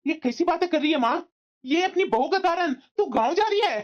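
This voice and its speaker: A woman's voice: high voice, expressive, brisk. A woman voicing a hot-tempered grown son in a cartoon, who orders his wife around and defends his mother. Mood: indignant. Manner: angry, commanding. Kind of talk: cartoon voice acting. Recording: slightly dull lo-fi audio.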